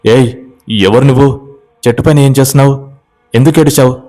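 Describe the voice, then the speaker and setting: A man voicing a stubborn young village husband who shouts and demands answers in a horror story. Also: lowish voice, moderate pace, lightly acted. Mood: shouting, demanding.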